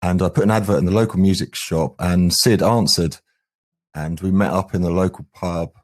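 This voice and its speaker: Here a man from England in his forties, the frontman of a band, talks as an interview guest, recalling the past in a casual, hesitant, rambling manner. He speaks low, with a steady tone at normal speed.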